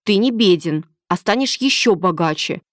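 A woman's voice: lowish voice, lively intonation, normal speed, no echo, studio quality, lightly acted. A woman reading aloud, voicing a pushy, scheming young woman of thirty who talks in an insistent, demanding way.

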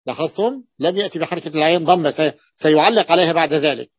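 A man's voice: a little high, rapid-fire, breathy edge. A man teaching Arabic grammar in a classroom lecture, repeating each point patiently and checking that students follow. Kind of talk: classroom lecture explaining a text. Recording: dull lo-fi recording.

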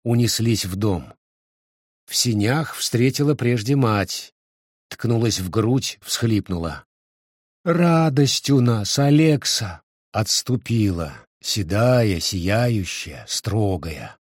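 Slow, husky male storyteller. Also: lowish voice, expressive, no echo, clean studio sound. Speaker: reader. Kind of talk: reading fiction aloud.

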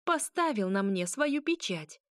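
A woman voicing a sharp-tongued, irritable young witch who talks back in a snappy, sarcastic way. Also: mid-range voice, very animated, measured pace, clean tone, no echo, clean studio sound, pitched above the performer's own voice.

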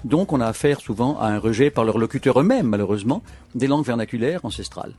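A man's voice: mid-range voice, animated, fast talker, darkish tone, slightly rough, soft background music. A man answering interview questions as a language expert, explaining things fluently and giving firm opinions.

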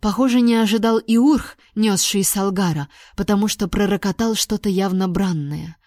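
A woman reading a first-person fantasy audiobook with lively, expressive storytelling. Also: medium pitch, no room sound, studio quality. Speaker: audiobook reader.

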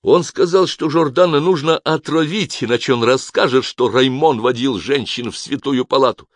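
A man reading an audiobook, voicing a frightened, hoarse jail guard who pleads and nearly cries. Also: mid-range voice, animated, normal speed, dry recording, clean studio sound, voice pushed up. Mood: desperate. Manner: panicky, pleading, near tears. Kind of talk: audiobook character voice.

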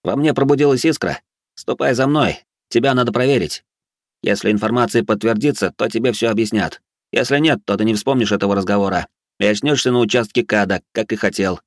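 A male narrator voicing a calm, detached young cadet with uncanny powers, speaking evenly and without emotion in an audiobook. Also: fairly low pitch, fairly quick, no echo, clean studio sound, lightly acted. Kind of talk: audiobook character voice.

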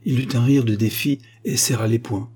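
A man reading a short story aloud in a steady, even storytelling manner. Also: mid-range voice, normal speed, husky. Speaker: audiobook narrator.

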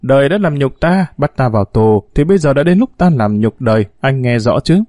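A man's voice: medium pitch, expressive, fairly quick, a little mellow, no echo, studio quality, natural voice. A man voicing a scheming, domineering female gang boss who talks with a sneer in a storybook reading. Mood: scornful. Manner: sneering, swaggering talk.

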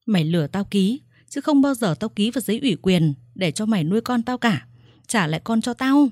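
A woman's voice: medium pitch, expressive, a little fast, no echo, clean studio sound, lightly acted. A woman voicing a young mother who has been tricked out of her baby, raging and sobbing. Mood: screaming. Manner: shouting, sobbing, vengeful. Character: furious young mother, wronged mistress.

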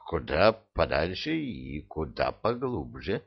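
A smug, prissy devil who has had a few drinks, as a male audiobook narrator puts him on. His gravelly voice lurches up and down at a slow drawl. The audio sounds dull and lo-fi. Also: a bass voice, sing-song, voice pushed down, exaggerated voice. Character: tipsy male devil Lucifer, affected and smug.

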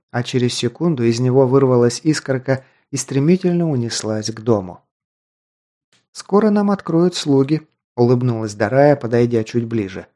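A man narrating a first-person audiobook in a measured, even storytelling manner. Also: mid-range voice.

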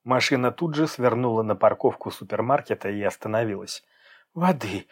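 A man narrating an audiobook in an even, measured storytelling manner. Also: lowish voice.

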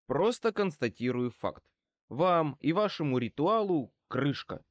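A man reading an audiobook as a male wizard private eye who speaks wryly and with calm menace. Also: on the high side, measured pace, dry recording, studio quality. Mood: wry, cool. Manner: wry, calmly threatening.

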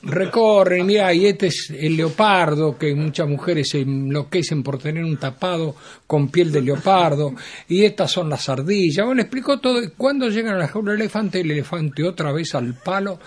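A man with an Argentine accent telling dirty jokes in a lively storytelling way. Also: on the high side, normal speed. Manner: lively storytelling, laughing at his own jokes. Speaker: joke teller.

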